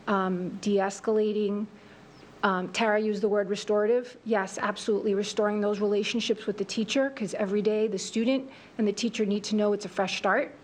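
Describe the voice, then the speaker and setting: Interviewing for assistant principal, a woman from Greece, Greek being her first language, responds to a school board committee in a meeting room. She speaks with a medium-pitched, darkish voice, earnest and thoughtful, using many fillers.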